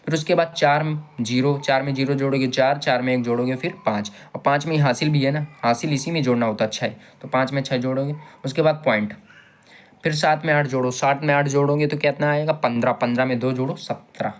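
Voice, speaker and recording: A man's voice: mid-range voice, fairly even intonation, fairly quick. A man teaching a maths lesson step by step, patiently repeating each step and asking his students questions. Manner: patient, repeats steps and asks the class questions.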